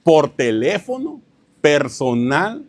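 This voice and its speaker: A man with a fairly high voice preaches a teaching sermon to his congregation. He keeps checking whether they follow him and calls them brother. He tells stories in an easy, informal way. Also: sing-song, takes it slowly, no echo. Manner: keeps asking the congregation rhetorical questions, addresses them as "hermano". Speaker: pastor.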